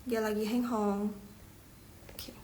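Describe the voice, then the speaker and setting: A woman's voice: medium pitch, level tone, dark tone, slight background noise. A young woman teaching a casual Mandarin lesson, patiently repeating words and quizzing her class. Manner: explains patiently, repeats words slowly, asks the class questions.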